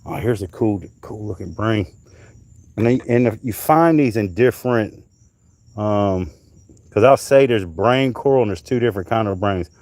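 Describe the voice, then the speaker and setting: With lively intonation and a fairly low, darkish voice, a middle-aged North Carolina man shows off his finds on a casual livestream, swearing freely. He keeps a moderate pace, outdoors at night in summer heat.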